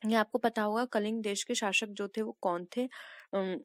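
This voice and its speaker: A woman's voice: mid-range voice, fairly even intonation, moderate pace, no echo, clean studio sound. Woman teacher explaining quiz answers. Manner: explains answers step by step, addresses viewers as friends. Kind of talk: exam prep lesson.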